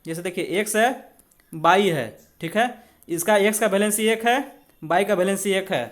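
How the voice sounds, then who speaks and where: Teaching maths and chemistry like an exam coach, a man with an Indian accent and a notably high, fairly bright voice walks through each step conversationally at a normal speed. Short rhetorical questions keep checking in with his students.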